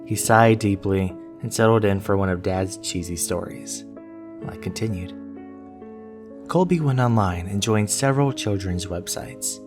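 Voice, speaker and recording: In a low voice, a man reads a scripted first-person horror story with the deliberate, measured delivery of a storyteller. Plucked guitar music is clearly audible behind him.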